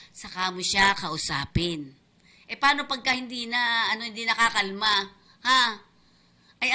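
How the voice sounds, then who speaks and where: Filipino lady radio host, chatty advice talk, keeps asking listeners questions, quiet music under. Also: fairly high pitch. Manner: chatty, asks listeners "di ba?" often, laughs.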